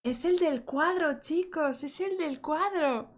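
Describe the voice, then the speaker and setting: Excitable woman streamer playing a game, reads out text, greets chat, highish voice. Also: slow. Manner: excitable, reads game text aloud, shrieks when startled; greets chat viewers by name. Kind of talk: casual game commentary.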